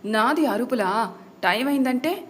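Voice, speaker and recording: A nagging middle-aged mother from an audio story, put on by a female narrator. She scolds loudly and fusses over the clock. The voice sits a little high. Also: lively intonation, normal speed, slight background noise. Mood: scolding.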